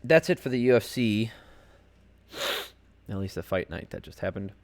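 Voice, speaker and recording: Low-pitched male podcast host, chatty and rambling, casual solo commentary from a home desk. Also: expressive, normal speed, darkish tone. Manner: rambling and chatty, heavy on fillers and asides. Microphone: home desk setup.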